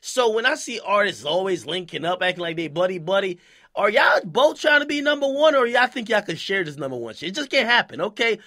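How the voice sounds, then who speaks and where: Sharp in tone and pitched high, this male commentary host holds forth emphatically on hip-hop in slangy, opinionated style, regularly pausing his points with questions to check that listeners agree.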